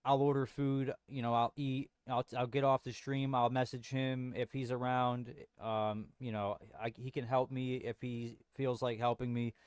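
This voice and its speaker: A man's voice: medium pitch, flat delivery, normal speed, hardly any pauses, darkish tone, clear, resonant tone, dry recording, studio quality. Chatty young man rambling on stream. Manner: rambling, frequent restarts and slang, says bro a lot. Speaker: livestream host. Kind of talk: casual chat with stream viewers.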